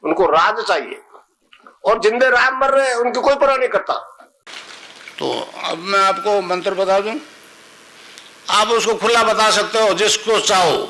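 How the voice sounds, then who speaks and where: A man's voice: high-pitched, a little slow, pauses often, bright, forceful tone, a little hiss or hum, rough recording. A man speaking as a spiritual guru to his followers, plain-spoken and repetitive, at times leading the listeners through a chanted mantra.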